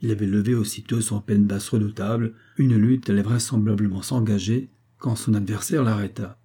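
A man narrating a classic tale as an audiobook, in a measured storytelling manner. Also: on the low side, fairly even intonation, mellow, husky.

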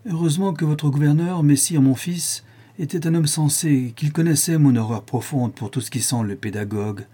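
A haughty old nobleman of seventy-three, stern and domineering, lifting his voice high over a mellow, husky low tone, as a male reader puts him on. His words come out solemn, dry and harsh. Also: normal speed. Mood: indignant.

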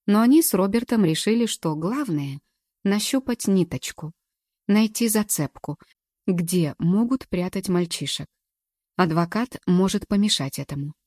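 Audiobook narrator, woman, steady delivery, dark tone, dry studio sound. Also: medium pitch, measured pace, no room sound. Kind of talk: scripted narration.

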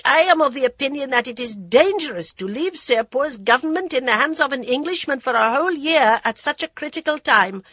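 A woman's voice: high voice, animated, fairly quick, few pauses, a bit bright, no room sound, pitched above the performer's own voice. A woman voicing a harsh, commanding old dowager queen. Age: older. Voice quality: strong, commanding. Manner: harsh, authoritative. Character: imperious elderly dowager queen, harsh grandmother.

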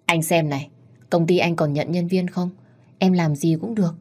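A woman reading the lines of a cheerful, chatty young wife in a storybook tale, with a husky voice. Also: on the low side, steady tone, moderate pace, warm tone, close to an everyday voice. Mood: cheerful eager.

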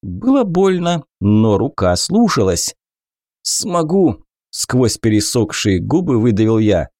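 A man narrating an adventure audiobook in the first person, expressive and acting out the hero's panic. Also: lowish voice, a little slow, dry recording, clean studio sound.

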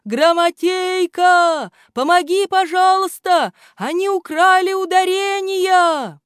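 A woman's voice: medium pitch, normal speed, fairly bright tone, dry recording, studio quality, natural voice. A woman voicing a grumpy, irritable male storybook guardian who snaps at others. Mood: pleading shout. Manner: irritable, snapping. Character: grumpy know-it-all male book guardian.

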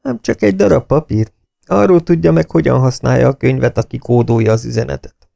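A man's voice: medium pitch, vocal fry, dark tone, no echo. A man doing a tense intelligence officer. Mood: determined.

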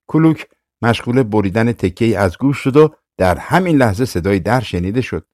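A man narrating a fairy-tale audiobook in a calm, measured storytelling manner. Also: lowish voice, no room sound, clean studio sound.

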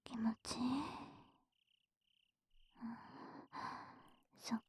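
A woman playing a lazy, indulgent older sister in a whispered role-play, speaking drowsy, intimate pillow talk in a breathy, languid, casual way. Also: very slow, a little mellow, dry recording. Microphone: close microphone, dry sound.

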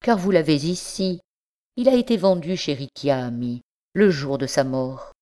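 A woman's voice: low-pitched, measured pace, mellow. A woman doing a driven young nobleman scholar. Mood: suave. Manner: courteous, then urgent and driven.

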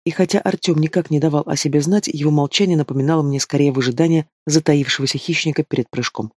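A man reads a first-person story at a brisk clip. His voice sits a little high for a man and stays steady. The recording is dry and close, with no room sound. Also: dry recording. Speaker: audiobook reader. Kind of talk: scripted first-person narration.

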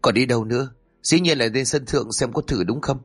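A man's voice: medium pitch, fairly quick, husky, soft background music, voice pushed up, natural voice. A man voicing a brave, devoted young man in a spoken story, speaking earnestly and with emotion. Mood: eager.

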